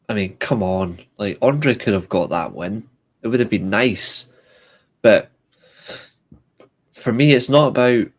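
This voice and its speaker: This is a man in his late twenties with a lowish voice. He chats casually on a podcast, blunt and joking, and he swears freely. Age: 20s. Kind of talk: casual chat.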